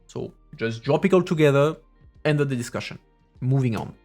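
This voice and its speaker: A man's voice: mid-range voice, brisk, a little mellow, soft background music. A man streaming a casual review of news, reading articles aloud and then breaking into loose, sarcastic asides while he thinks aloud. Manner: hesitant, many fillers and restarts while thinking aloud.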